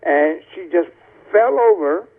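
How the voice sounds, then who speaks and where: A man's voice: high-pitched, expressive, takes it slowly. A man from Tampa calling in to a show, telling a rambling story over a clipped phone line and correcting himself as he goes. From Tampa, Florida. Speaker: caller. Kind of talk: casual call-in storytelling. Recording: tinny phone call on a TV show.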